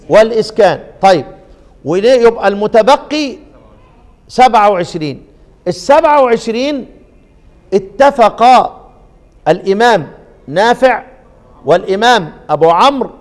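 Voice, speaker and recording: A man with an Egyptian Arabic accent teaching the Quranic readings, quizzing his students with leading questions and slowly drawing out the verses he quotes. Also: high-pitched, a little mellow, big-room sound. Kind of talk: classroom lecture on Quranic readings.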